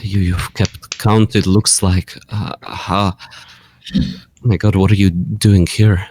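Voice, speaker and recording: A man's voice: low-pitched, little pitch movement, darkish tone, slight background noise. A man voicing Leland, a shaken hotel guest who stammers as he meets an old friend. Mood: stunned. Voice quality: halting, stammering.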